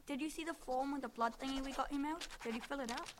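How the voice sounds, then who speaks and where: A woman playing a trusting teenage schoolboy who asks rushed, curious questions. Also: high-pitched, noisy background, close to an everyday voice.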